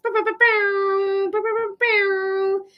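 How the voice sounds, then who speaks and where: Speaking slowly in a very high, level tone, this Michigan woman runs a psychic reading livestream, chatting casually and laughing a lot with her viewers. She is bubbly and talkative, and the sound is lo-fi.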